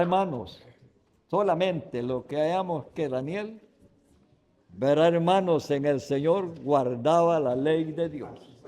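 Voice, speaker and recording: Slow emphatic preacher in a reverberant church. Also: male voice, on the high side. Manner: peppers every phrase with "brothers" and "right?"; emphatic preaching with sudden loud stresses. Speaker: guest preacher. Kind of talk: Sunday sermon. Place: church sanctuary. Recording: long reverb of a church hall.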